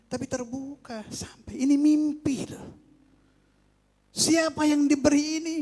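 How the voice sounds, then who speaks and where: A man preaching a religious sermon, moving from quiet teaching to loud, fervent exhortation. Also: high voice, long reverb tail.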